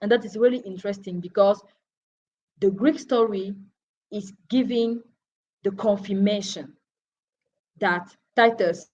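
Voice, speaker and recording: A woman teaches a Bible lesson at a very unhurried pace, pausing between phrases as she explains. Her voice sits at an ordinary middle pitch. The live stream audio is slightly dull and muffled. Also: a little mellow, a little hiss or hum.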